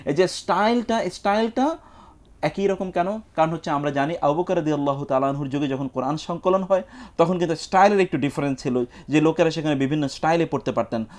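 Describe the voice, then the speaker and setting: A man with a fairly high voice explains religious rulings in a measured, teacherly way. He recites Arabic phrases and builds his points step by step, as a scholar answering on a studio question-and-answer program. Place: television studio.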